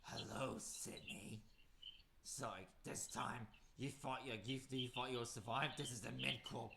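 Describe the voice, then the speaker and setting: A man voicing a menacing masked killer who taunts slowly over the phone, in a noisy home recording. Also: medium pitch, steady tone, vocal fry, sharp tone, voice pushed down. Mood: taunting.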